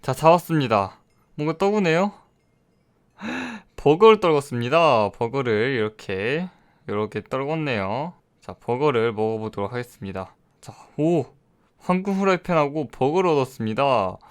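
A young man plays and reviews a game mod, offering chatty, joking commentary and often talking to the on-screen characters. His medium-pitched voice is smooth and expressive at a normal pace, and he laughs often.

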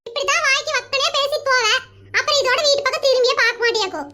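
A woman's voice: very high voice, very fast, pushed and bright. A woman playing a sarcastic sister-in-law who taunts her relatives in a comedy skit. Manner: needling, sarcastic.

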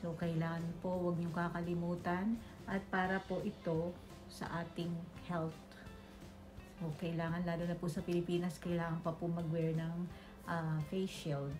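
A woman's voice: fairly low pitch, flat delivery, moderate pace, over music. A woman with a Filipino accent giving a polite how-to tutorial while speaking through a cloth face mask. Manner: polite, mixes Tagalog and English. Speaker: tutorial vlogger.

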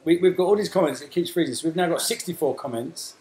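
A man's voice: a little high, fast, darkish tone, roomy sound, rough recording. A man with a South London accent hosting a casual live Q&A, chatting and reading out viewer comments. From England. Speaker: host.

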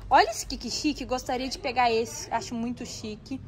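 A woman's voice: fairly high pitch, moderate pace, slight background noise. A woman with a Brazilian Portuguese accent chatting to viewers in a shopping vlog as she browses a stationery store. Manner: animated, talks to viewers while browsing.

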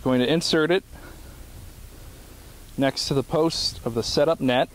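Working in a grassy field, this man in his thirties gives a straightforward, step-by-step product demonstration in brief phrases. He speaks unhurriedly with a somewhat high voice, and a little hiss or hum sits under the audio.

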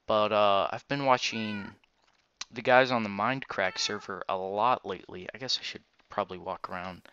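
A man giving casual, halting, rambling gaming commentary while wearing a retainer that slightly affects his speech, recorded on a dull microphone. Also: fairly low pitch, bright, forceful tone, slight background noise. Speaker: gaming video host. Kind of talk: casual Let's Play game commentary.

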